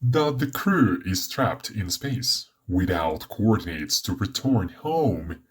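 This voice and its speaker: A man's voice: on the low side, slightly rough, heavily acted. A man voicing a cheerful, chatty robot satellite with a robotic, sparkling voice and theatrical delivery. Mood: explaining. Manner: theatrical, lively, drawn-out delivery. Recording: soft music underneath.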